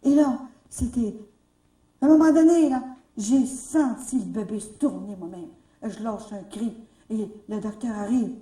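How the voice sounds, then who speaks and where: A woman with a Canadian French accent telling faith stories at a retreat, lively, repeating herself and rising into exclamations. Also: on the high side, unhurried. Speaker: retreat speaker. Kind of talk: storytelling talk. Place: retreat hall. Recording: echoey room, mic far off.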